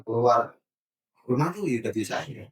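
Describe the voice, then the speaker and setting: A man's voice: mid-range voice, lively intonation, a little fast. A middle-aged married man in a casual talk show, answering frankly and rambling a bit. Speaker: married guest. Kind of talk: casual chat.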